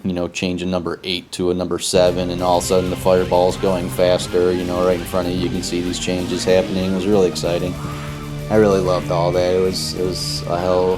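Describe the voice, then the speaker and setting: A man casually presenting an old game he made, talking in a relaxed, rambling way with plenty of fillers and restarts. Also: low-pitched. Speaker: game creator presenting his old project. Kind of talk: casual narrated walkthrough.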